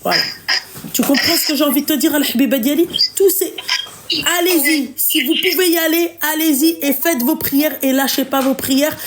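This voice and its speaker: A woman's voice: high-pitched, normal speed. A woman hosting a call-in advice talk, fervent, affectionate and emphatic.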